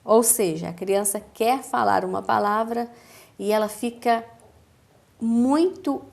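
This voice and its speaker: A woman with a Brazilian accent, a speech therapist giving a calm, didactic explanation in a TV interview, with measured pauses. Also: on the high side, gravelly. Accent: Brazilian Portuguese.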